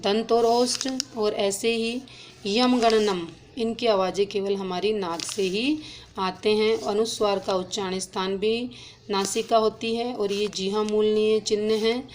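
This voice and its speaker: A woman teaching an exam-prep lesson, slowly spelling out sounds and letters one by one. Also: mid-range voice, fairly even intonation, darkish tone, slight background noise.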